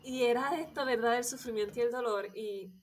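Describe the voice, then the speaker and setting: A woman's voice: a little high, fairly quick, slight background noise. A woman hosting a casual faith podcast, talking reflectively and laughing easily. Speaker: podcast host.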